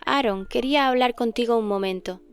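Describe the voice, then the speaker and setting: A woman voicing a tired call-center supervisor around forty who speaks in a flat, businesslike manner. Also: a little high, fairly quick, smooth, faint music behind, voice pushed up, lightly acted.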